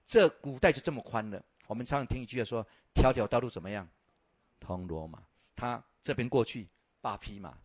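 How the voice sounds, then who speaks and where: A man lecturing over slides about Bible lands, telling lively stories, asking rhetorical questions, and often filling pauses with "ah". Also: medium pitch, slightly rough, no echo. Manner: frequent filler "ah".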